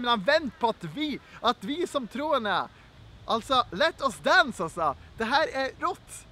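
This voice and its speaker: A man's voice: high voice, sharp tone, a little hiss or hum. A young man with a Norwegian accent giving an earnest, encouraging Bible teaching, reading scripture aloud. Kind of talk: devotional Bible teaching video.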